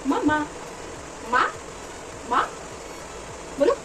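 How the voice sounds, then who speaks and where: High-pitched woman coaxing a baby, from afar. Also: big pitch swings, extremely slow. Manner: sing-song, coaxing, repeating words. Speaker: mother coaxing her baby. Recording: distant phone mic with loud dog and household noise.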